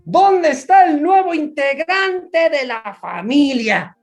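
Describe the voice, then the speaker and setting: A man doing a loud shouting uncle. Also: measured pace, faint music behind. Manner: booming, loud. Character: loud uncle who shouts about everything.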